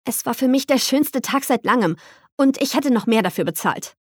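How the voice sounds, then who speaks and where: A woman voicing a rich, warm-hearted young woman who talks eagerly and sincerely, a little higher than her narration. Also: animated, normal speed, slightly rough, no room sound, studio quality. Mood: earnest.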